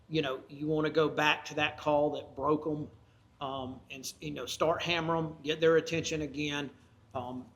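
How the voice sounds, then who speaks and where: A man's voice: on the high side, bright, forceful tone. A man giving an informal, folksy instructional demonstration as a hunting-call instructor. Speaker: duck calling instructor.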